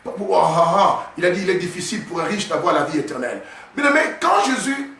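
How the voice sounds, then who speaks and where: A man preaching a sermon as a bishop, emphatic and often shouting, calling his listeners beloved over and over. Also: sits high, big pitch swings, a little fast, slight background noise. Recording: echoey hall, voice from a distance.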